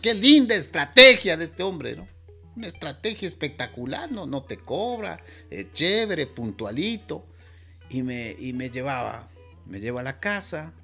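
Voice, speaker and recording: A man with an Ecuadorian accent telling a personal anecdote in a casual, animated way, often repeating words. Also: fairly high pitch, a little slow, gravelly, soft background music. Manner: animated, repeats words, voices the people in the story. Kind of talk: casual storytelling.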